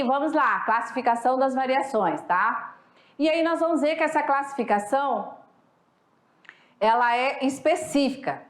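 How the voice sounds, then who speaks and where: A woman with a Brazilian accent teaching a recorded class. She talks in a chatty way and keeps checking in with her students. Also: sits high. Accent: Brazilian Portuguese. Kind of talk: recorded online class lecture. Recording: echoey room.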